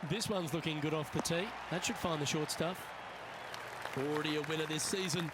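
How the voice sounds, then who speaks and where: An actor playing a measured, upbeat golf commentator in a video game, calling play as on a broadcast. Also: male voice, a little high, very noisy, close to an everyday voice. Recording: music and crowd behind commentary. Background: music, crowd.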